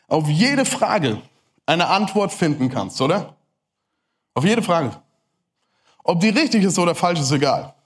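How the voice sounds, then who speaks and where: A high-voiced man with a German accent preaches to a crowd at a quick clip. He talks to his listeners directly, tossing them questions as he goes. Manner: fast-talking, addresses the audience directly. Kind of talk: lively sermon talk to a crowd.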